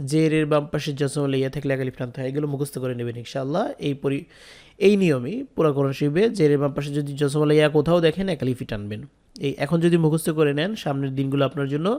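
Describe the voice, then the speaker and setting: A man with a Bangladeshi Bengali accent teaches Quran reading patiently, spelling out each syllable before chanting the verse slowly. His voice sits somewhat high and sounds smooth and resonant. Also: darkish tone. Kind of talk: slow spelled-out recitation lesson.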